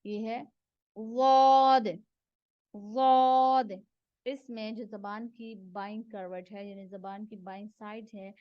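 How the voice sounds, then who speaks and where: A woman's voice: medium pitch, no room sound. A woman giving a Quran reading lesson, patiently repeating each letter sound several times. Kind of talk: step-by-step pronunciation lesson. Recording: dull, dry close recording.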